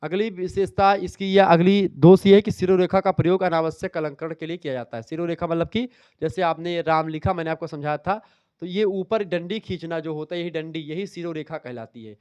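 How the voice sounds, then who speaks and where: High, clear-voiced man teaching a lesson. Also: a little fast, a little mellow, dry recording, lo-fi sound. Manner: explains step by step, repeating key terms and quizzing students. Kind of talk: exam revision lecture.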